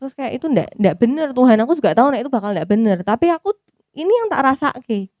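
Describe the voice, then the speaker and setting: A woman's voice: a little high, big pitch swings, fast talker, no room sound, lo-fi sound. A woman with a Javanese accent giving a personal church testimony in a chatty way, dropping English phrases in and acting out her own thoughts. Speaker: testimony speaker at a youth service.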